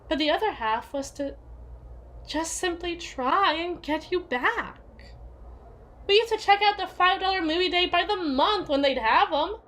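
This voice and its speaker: In a theatrical, sardonic ASMR roleplay monologue, a high-pitched woman plays a domineering, conniving young woman who is possessive and jealous. She stretches out her words with haughty emphasis.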